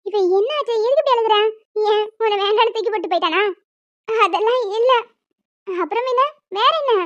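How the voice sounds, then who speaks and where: A woman's voice: very high-pitched, no echo, muffled recording. A woman voicing a distressed young female college student who talks in an emotional, pleading way.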